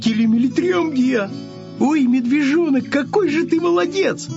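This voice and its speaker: Storybook hedgehog, tiny and gleeful, high piping cries, man doing the voice, music behind. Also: unhurried, creaky, full character voice. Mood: delighted. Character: small, timid then jubilant hedgehog. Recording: dull lo-fi audiobook with music.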